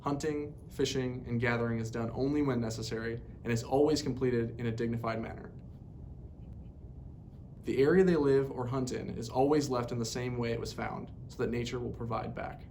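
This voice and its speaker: At a moderate pace, a man with a steady and slightly mellow voice formally reads an educational script. A poor microphone was used, and a rumbling noise is clearly audible.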